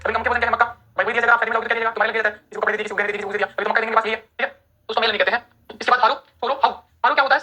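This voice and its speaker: A woman teacher races through an exam-prep lecture in a bright, husky voice. She keeps quizzing her students, repeats each term several times and asks "right?" again and again. Her pitch sits a little high. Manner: repetitive, quizzing, addresses students as friends.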